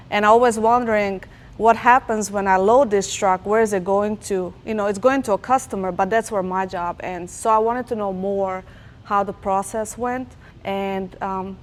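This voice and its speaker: A woman from Croatia, a panel guest and logistics analyst, who talks in an earnest, polite, slightly halting way. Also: medium pitch, a little hiss or hum. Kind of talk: panel interview.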